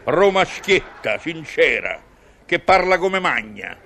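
Roman-accented man, fairly high voice, wry. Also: very animated, takes it slowly, gravelly, pushed and bright, a little hiss or hum. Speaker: comic monologist. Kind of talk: humorous theatrical monologue in colloquial dialect.

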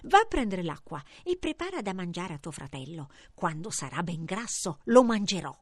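A woman voicing a greedy, half-blind old witch in a storybook reading, with a husky, coaxing voice. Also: on the low side, big pitch swings, normal speed, no echo, clean studio sound. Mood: scheming.

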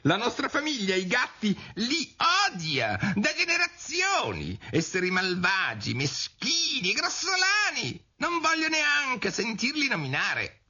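A tiny, touchy mouse squeaks in a shrill, trembling voice. Its voice leaps far above a normal man's and swings wildly up and down. The storybook reading comes through a dull, muffled radio recording. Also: wildly swooping pitch, unhurried, few pauses, bright, forceful tone, full character voice. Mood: outraged. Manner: indignant, trembling.

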